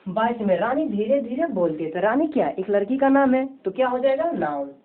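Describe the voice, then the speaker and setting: A woman with a slightly high voice, lively intonation and a brisk pace drills grammar in a home-tuition session, asking questions and answering them herself again and again. The recording sounds tinny and lo-fi, like a phone.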